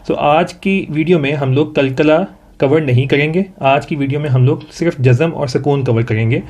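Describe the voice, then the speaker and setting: A man with a Pakistani accent teaching Quran reading one-on-one, patient, modeling each sound slowly for his student to repeat. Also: fairly high pitch, darkish tone.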